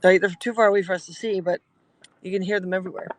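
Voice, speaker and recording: A Canadian woman livestreams casually from a car at night, rambling and chatting with plenty of fillers as she rides. Her medium-pitched voice has fairly even intonation and races along. The recording is rough.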